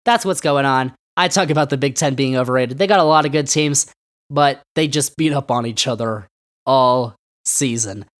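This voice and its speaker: A man with a medium-pitched, slightly bright voice speaks at normal speed as the host of a solo sports podcast. He's sarcastic and keeps firing rhetorical questions at his listeners.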